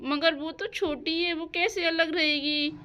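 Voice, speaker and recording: A woman's voice: extremely high pitch, fairly even intonation, unhurried, bright, forceful tone, heavily acted. A woman voicing a strict mother in a doll-house cartoon story, nagging and scolding her daughter.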